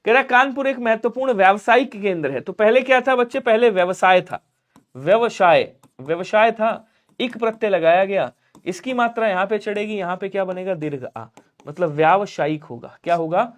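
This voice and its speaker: Guy teaching grammar online, kinda high voice, keeps asking the class questions then answering them. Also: lively intonation, moderate pace. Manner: explains step by step, asks students questions and answers them; urges viewers to like and subscribe. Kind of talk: online exam-prep lesson.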